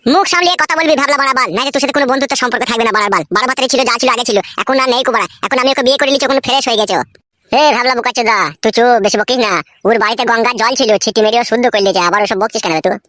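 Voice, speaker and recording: A rapid-fire, foul-mouthed young husband in a comedy cartoon, voiced by a woman. He is hot-tempered and indignant, and his voice is pitched high for a man. The sound is close and dry. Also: a bit bright, dry recording, close to an everyday voice. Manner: swears constantly, indignant.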